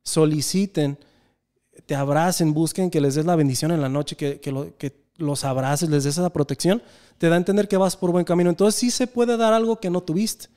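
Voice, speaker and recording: A man with a Mexican accent tells personal stories in a casual, earnest way. His voice sits a little high but sounds mellow and smooth. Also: steady tone, normal speed. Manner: earnest, reflective storytelling. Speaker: podcast guest. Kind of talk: casual conversation.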